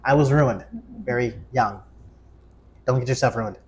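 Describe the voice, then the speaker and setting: Speaking a little slowly in a mid-range voice, a man in his twenties hosts a casual podcast chat. He's profane and playful, with animated self-interruptions.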